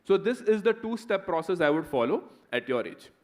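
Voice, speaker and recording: A man's voice: sits high, big pitch swings, brisk, darkish tone. A man in his thirties with an Indian English accent, speaking to students in a conversational motivational talk, often checking in with "right?". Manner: conversational, keeps asking "right?". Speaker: guest speaker answering students.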